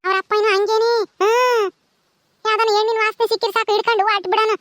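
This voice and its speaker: A woman's voice: extremely high pitch, flat delivery, rapid-fire. A woman voicing a deaf, talkative old village grandmother who scolds and keeps asking "eh?". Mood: scolding. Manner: loud, repeats "ha?" as if hard of hearing. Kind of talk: village comedy voice acting.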